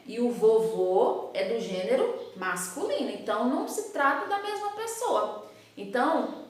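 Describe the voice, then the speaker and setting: A Brazilian woman teaching a children's lesson, explaining patiently with playful asides and frequent tag questions. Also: fairly high pitch. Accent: Brazilian Portuguese. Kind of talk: recorded classroom lesson for children. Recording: very echoey room.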